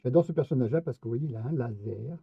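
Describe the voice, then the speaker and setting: A man's voice: mid-range voice, lively intonation, very fast, gravelly, husky, no room sound. A man giving casual gameplay commentary, chatty and playful, talking straight to his viewers. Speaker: streamer. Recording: tinny phone-like, dry sound.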